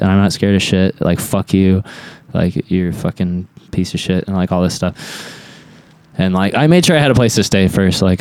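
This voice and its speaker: A man's voice: low voice, a little mellow, smooth, no room sound. A man guesting on a podcast, telling casual, profane, rambling stories and quoting the people in them. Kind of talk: casual storytelling.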